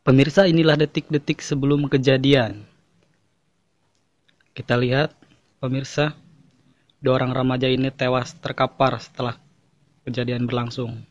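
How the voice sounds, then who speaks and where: A man playing a deadpan news reporter, reading a scripted comedy parody of TV news. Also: medium pitch, moderate pace, pauses often, no room sound, lightly acted. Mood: deadpan, formal. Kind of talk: scripted mock news voice-over. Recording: dry, slightly muffled voice-over.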